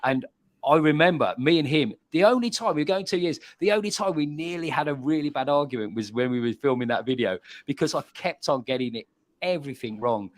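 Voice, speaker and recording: A man, a pub and bar owner, chatting as a guest and telling animated stories, often repeating words. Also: on the high side, brisk, no room sound. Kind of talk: casual chat.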